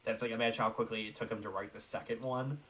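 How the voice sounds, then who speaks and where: A man co-hosting a casual film commentary podcast, chatting with quick asides and a lot of "like". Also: on the low side, fairly even intonation, a bit bright. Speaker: podcast co-host.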